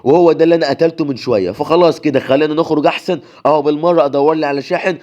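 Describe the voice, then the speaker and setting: A man voicing a lazy, ruthless young man hiding huge power, Egyptian accent, cold and mocking, rapid-fire, slightly high. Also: darkish tone, highs cut off, natural voice. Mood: plain. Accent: Egyptian Arabic.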